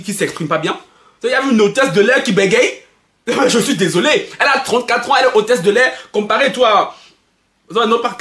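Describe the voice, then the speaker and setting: A young man from Belgium giving animated gossip commentary as a YouTuber, excitable and mocking, laughing often and stumbling over restarts. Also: high-pitched, roomy sound. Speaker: YouTuber commenting on pop culture.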